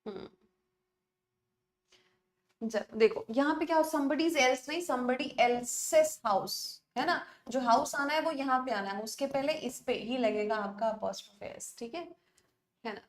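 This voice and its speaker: High-voiced woman teaching English in Hindi. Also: normal speed, pauses often, roomy sound. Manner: mixes Hindi and English, coaxing and chatty. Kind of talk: online class lecture.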